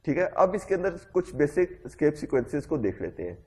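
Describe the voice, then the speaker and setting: A man's voice: a little high, big pitch swings, dark tone. A man teaching a programming class, explaining step by step and saying "okay" after nearly every phrase. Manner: repeats "theek hai" constantly, explains step by step. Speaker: programming instructor. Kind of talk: classroom coding lecture.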